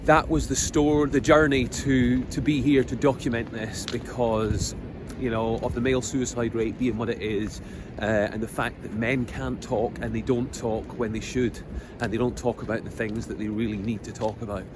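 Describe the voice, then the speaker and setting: A middle-aged man with a Scottish accent, talking slowly and earnestly in a reflective personal monologue, pausing often with ums as he gathers his thoughts. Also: medium pitch, level tone. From Scotland. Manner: hesitant, many pauses and ums, earnest. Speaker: vlogger. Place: outdoors on a coast. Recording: outdoor recording with background noise. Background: outdoor noise, passing vehicles.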